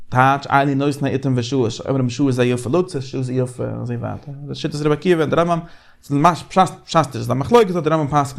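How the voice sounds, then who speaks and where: A man leading a casual Talmudic study discussion, animated and repeating phrases as he thinks aloud. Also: mid-range voice, vocal fry.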